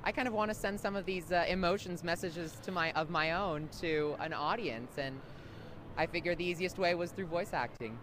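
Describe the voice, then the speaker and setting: Low-voiced woman voice actor. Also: moderate pace, noisy background. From South America. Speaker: voice actor guest. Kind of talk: casual interview answers. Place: outdoors at a fan convention.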